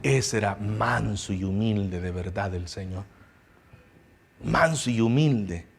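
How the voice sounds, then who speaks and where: A man preaching a sermon as pastor of a church, passionate, rising to loud emphasis and dropping to hushed tones, and asking his listeners rhetorical questions. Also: on the low side, takes it slowly, vocal fry, breathy edge. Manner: asks the congregation rhetorical questions.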